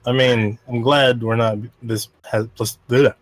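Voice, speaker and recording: A man's voice: medium pitch, steady tone, measured pace, dry recording. A man running a tabletop game as dungeon master, talking in a laid-back way and swearing freely. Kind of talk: casual tabletop game narration.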